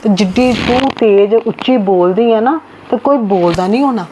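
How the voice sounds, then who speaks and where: Woman as a stern mother-in-law, scolding, demanding, fairly high voice. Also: normal speed, noisy background, natural voice. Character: stern mother-in-law, scolding and proud of her elder daughter-in-law. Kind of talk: amateur family drama skit.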